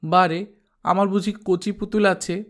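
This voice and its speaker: A man's voice: sits high, steady tone, unhurried, pitched above the performer's own voice. A man voicing a small girl who pleads with and argues back at her mother, read as an audiobook character. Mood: argumentative. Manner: sharp, wheedling.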